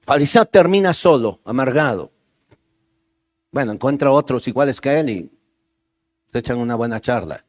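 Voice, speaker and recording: A man's voice: mid-range voice, animated. A man preaching a sermon as pastor, talking straight to his congregation and acting out the voices of the people in his stories. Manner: conversational preaching, talks straight to the congregation with quick asides; acts out voices in the stories he tells.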